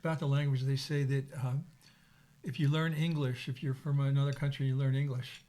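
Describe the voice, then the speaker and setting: An older man speaks in a level, unvarying tone, laying out an explanation step by step. He sounds like a guest at a relaxed dinner. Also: medium pitch. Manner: explanatory, even and measured. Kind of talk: casual dinner conversation.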